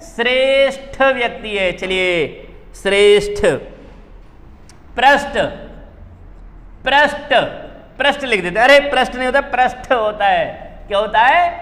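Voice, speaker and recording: In this classroom lesson, a man works through Hindi spelling, repeating words and questioning his class again and again. His voice is very high with a fairly bright tone, heard in long hall reverb.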